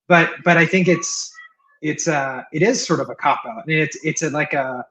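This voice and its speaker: Higher-voiced man in an echoey room. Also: moderate pace, pushed and bright. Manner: conversational, hesitant restarts. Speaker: podcast host. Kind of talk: casual chat. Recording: roomy echo.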